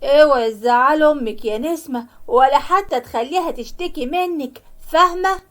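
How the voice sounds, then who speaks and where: A woman voicing a kind young husband with an Egyptian accent, speaking firmly but gently in an animated story. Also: sits high, moderate pace, close to an everyday voice. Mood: earnest. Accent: Egyptian Arabic. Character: kind young husband, caring son-in-law.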